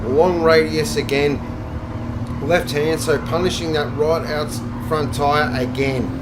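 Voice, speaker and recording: A man presenting a track guide for sim racing, explaining each part in a measured but enthusiastic way. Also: a little high, fairly even intonation, heavy background noise.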